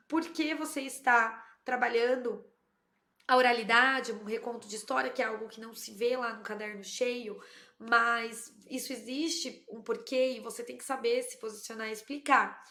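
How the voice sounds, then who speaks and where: A woman teacher explaining classroom methods in a lively, explanatory way, sometimes acting out short exchanges with a child. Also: a little high, reverberant. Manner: explanatory, animated, acts out child dialogues. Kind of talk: educational tips to camera.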